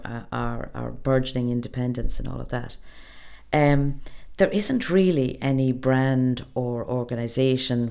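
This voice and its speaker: A middle-aged woman with a west of Ireland accent giving thoughtful, conversational interview answers, pausing to find her phrasing. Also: extremely low pitch, vocal fry, mellow. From Galway, west of Ireland. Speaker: interview guest, public relations professional.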